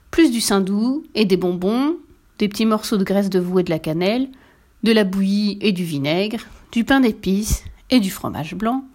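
A woman reads a children's story aloud at a medium pitch. Her narration is soft and gentle, easing lower and quieter between the characters' lines.

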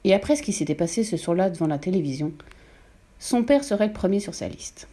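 A woman narrating a children's novel in a measured, expressive storytelling manner. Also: medium pitch. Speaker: audiobook narrator.

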